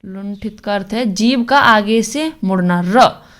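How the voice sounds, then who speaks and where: A woman's voice: mid-range voice, a little slow. A woman teaching Hindi grammar for an exam, sounding out letters one by one and asking questions she answers herself. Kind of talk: exam-prep lesson.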